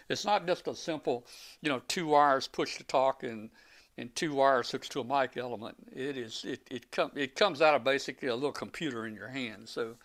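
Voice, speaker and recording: A man's voice: medium pitch, a bit bright. A man chatting live on a ham radio show, rambling through technical explanations with many restarts. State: out of breath. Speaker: guest ham radio operator. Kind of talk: casual live show chat.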